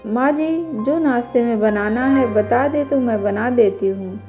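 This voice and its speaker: A woman's voice: on the high side, a little slow, warm tone, faint music behind, lightly acted. A woman voicing a young newlywed daughter-in-law who speaks respectfully and eagerly in a storybook tale. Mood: earnest. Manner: respectful, deferential.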